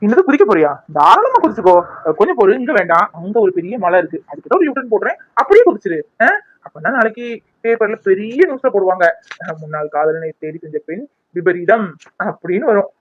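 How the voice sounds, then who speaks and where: A man playing a scheming, sarcastic young ex-lover in a cartoon, high and lively with quick, bright delivery. The sound is dull and lo-fi, dry and close. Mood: sarcastic, taunting. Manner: mocking, sarcastic, teasing.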